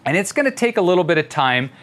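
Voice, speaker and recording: A man's voice: sits high, big pitch swings, a little fast, fairly bright tone. An older man teaching web development during a live session, walking through tools with a playful, chuckling manner. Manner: playful, chuckling while demonstrating. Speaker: instructor. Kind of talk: live coding tutorial.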